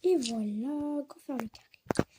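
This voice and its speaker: Brief: woman player narrating a doll-house game, whispered asides, high voice, noisy recording. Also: measured pace. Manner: often drops to whispered asides. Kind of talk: game role-play narration.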